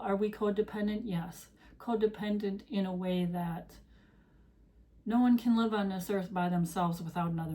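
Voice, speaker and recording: A woman tarot reader speaks straight to her audience in a heartfelt, preachy monologue. Her voice is mellow and warm, and it sounds a little worn, as if she is losing it. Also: on the low side. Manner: earnest, preachy, direct address. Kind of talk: spiritual encouragement monologue.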